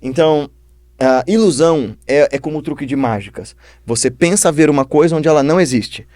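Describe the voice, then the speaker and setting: A man with a Brazilian accent, a philosopher and podcast guest who explains ideas with the lively manner of an animated storyteller. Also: on the high side, fairly quick, dry recording, studio quality.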